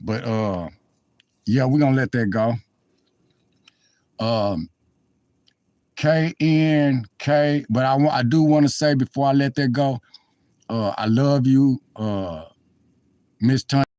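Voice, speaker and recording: Sitting in his car in cold weather, a male live-stream vlogger rambles to his chat in a heartfelt, apologetic way. His mid-range, mellow voice moves slowly with long pauses, and the phone mic sounds dry.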